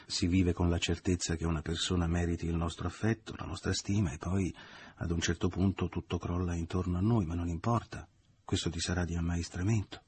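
A man voicing a coquettish, cloying grown woman who pleads sweetly and slips into falsetto. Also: steady tone, brisk, a little mellow, slight background noise, lightly acted. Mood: consoling.

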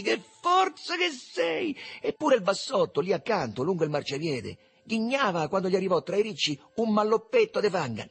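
A man narrating a novel as an audiobook, reading in an expressive, animated way. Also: a little high, slightly rough.

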